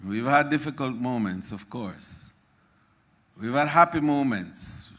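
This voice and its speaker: Solemn slow-spoken man addressing a gathering. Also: mid-range voice, expressive, a bit bright. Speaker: speaker at a ceremony. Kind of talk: formal address with prayer. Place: church hall. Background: music.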